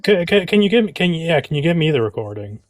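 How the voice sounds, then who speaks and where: A man's voice: a little high, very animated, fast, no room sound, clean studio sound. A man chatting as a guest on a livestream, often repeating words as he starts sentences. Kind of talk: casual livestream chat.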